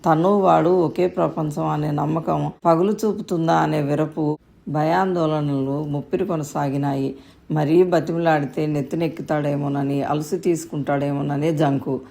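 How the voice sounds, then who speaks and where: A woman reads a storybook aloud in a steady, calm manner. Her voice is low and dark, with a gravelly grain. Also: moderate pace. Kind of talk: scripted narration.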